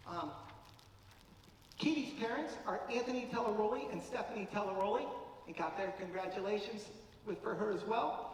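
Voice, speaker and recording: A man presenting informally as a school official at a public meeting, halting a little as he reads out details. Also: sits high. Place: large auditorium, from the stage. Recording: very echoey auditorium, distant mic, faint noise.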